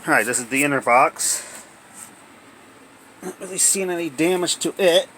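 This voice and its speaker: Here a man's slightly high, sharp-toned voice moves at a normal speed as he improvises a relaxed narration for his amateur unboxing video. He's holding a cell phone indoors at home, and the rough recording picks up a little background noise.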